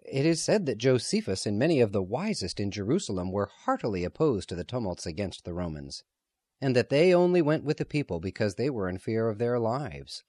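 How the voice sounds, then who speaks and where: A man's voice: on the low side, very animated, a little mellow, no room sound. A man reading as a grave, cautious elder. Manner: grave, measured. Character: grave, cautious man, gloomy about war.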